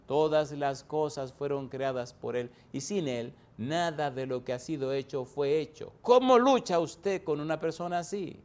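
A man preaching a sermon, dramatic and emphatic, rising to loud bursts and reading out scripture references slowly. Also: a little high, lively intonation.

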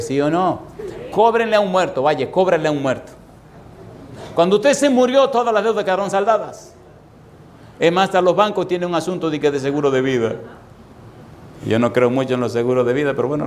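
A man preaches with a fairly high voice, dramatic and fervent, now and then voicing the people in his stories. A faint hiss and low rumble sit under the recording. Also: darkish tone. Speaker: pastor. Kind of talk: sermon.

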